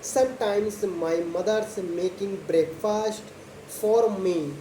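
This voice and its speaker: Very slow-talking woman, non-native English. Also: medium pitch, dark tone. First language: not English. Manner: very slow, deliberate talking with simple short phrases and long pauses. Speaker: host of a slow English speaking practice video. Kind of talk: slow spoken monologue about a daily routine for English learners. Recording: echoey room with faint background noise.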